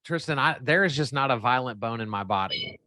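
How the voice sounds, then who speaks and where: A man guests on a casual podcast debate, joking at his own expense and tossing in blunt slang. His tone is bright and forceful. The recording is dry and close. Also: mid-range voice, animated, fairly quick, dry recording.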